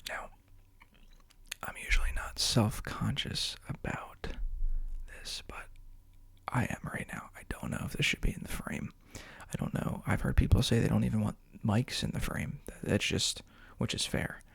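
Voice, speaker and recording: A man talks in a close, breathy, husky ASMR whisper with a gravelly edge. His delivery rambles in a loose, self-aware, joking way. The mic sits right up close in a dry, dead room. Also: lowish voice, fairly even intonation, moderate pace, a bit bright, dry recording. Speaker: ASMR creator. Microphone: studio microphone with fuzzy cover, close.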